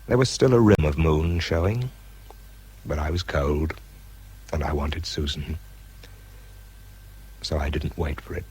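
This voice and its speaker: In a radio drama, an actor voices a weary, self-doubting British man narrating his own bleak story, reflective and halting. His full character voice is rumbling low, gravelly and husky yet a little mellow. The recording is rough.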